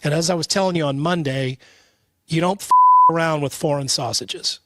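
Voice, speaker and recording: A man co-hosting a radio show while abroad, chatting casually with halting restarts and chuckles. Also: on the high side, bright, forceful tone. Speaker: radio co-host calling in from travel. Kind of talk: casual chat.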